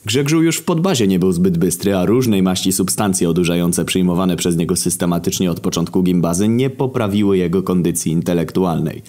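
A man telling a comic story in a casual, deadpan way, full of slang and swearing. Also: low voice, brisk, hardly any pauses.

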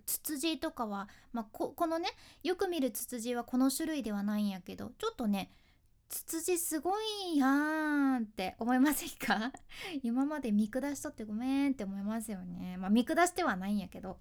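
A woman speaks with an in an easygoing solo monologue. Her voice sits a little high. She is chatty, laughs often, and keeps asking her listeners questions. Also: animated, a little fast. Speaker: freelance announcer and speaking coach. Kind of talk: casual solo chat.

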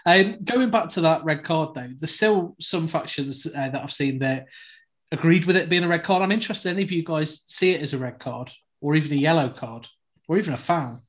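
Higher-voiced man hosting a football chat. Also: a little fast. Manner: chatty, leading questions, teasing. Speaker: podcast host. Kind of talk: podcast football discussion.

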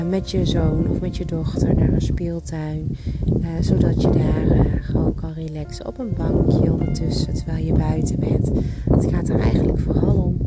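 Prominent music plays under a woman with a fairly low voice and a Dutch accent from the Netherlands. She talks as a podcast host in a casual, encouraging way. Her monologue speaks straight to the listener, like an informal walking companion. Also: poor audio. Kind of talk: casual chatty guided-walk monologue.

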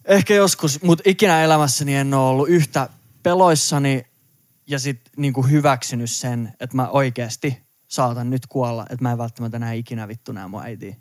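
A man's voice: mid-range voice, fairly even intonation, no room sound, studio quality. A young man from Finland, a podcast co-host telling an intense travel story in casual chat, emphatic and swearing.

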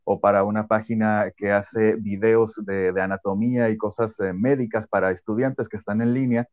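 A man's voice: lowish voice, fairly even intonation, normal speed, a little mellow, no room sound, lo-fi sound. A man from Guadalajara with a Mexican accent, a voice-over narrator chatting casually and easily in an interview.

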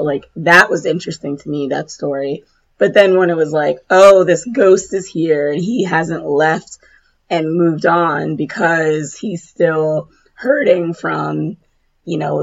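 A woman co-hosting a casual podcast chat with a hoarse, raspy voice that is nearly gone, talking informally with lots of filler words. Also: sits low, slow, highs cut off. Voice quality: raspy, husky. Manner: informal, heavy use of "like" and "you know".

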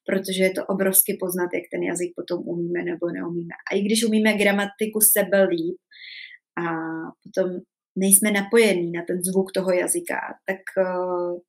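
A woman talks through a relaxed language lesson. She is chatty and informal, pauses on fillers and checks in with her listeners as she explains. Her pitch sits in an ordinary middle range. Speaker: language teacher. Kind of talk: casual spoken lesson.

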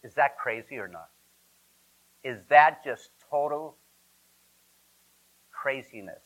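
A man's voice: mid-range voice, animated, slow pace, rough recording. A man preaching a sermon emphatically, asking rhetorical questions and drawing out repetitions. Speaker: pastor.

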